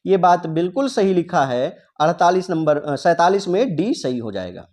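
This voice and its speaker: A man's voice: high-pitched, a little mellow. A man teaching a Hindi exam practice lesson, who explains step by step and asks himself questions, then answers them. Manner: stretches out key words slowly.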